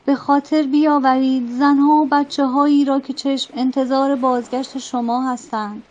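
A woman's voice: high-pitched, lo-fi sound, close to an everyday voice. Woman voicing a stern ship captain. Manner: forceful, rousing, angry. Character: stern middle-aged male ship captain, commanding.

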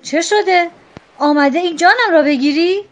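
A woman's voice: on the high side, animated. A woman doing a hot-tempered sea captain. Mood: angry. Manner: sharp, impatient bursts. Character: proud, short-tempered male ship captain. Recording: dull lo-fi with faint music.

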